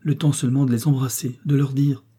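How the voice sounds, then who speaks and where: A man voicing a timid, tearful young bride who pleads softly with her husband. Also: mid-range voice, level tone, a little fast, slightly rough, pitched above the performer's own voice, natural voice. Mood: pleading.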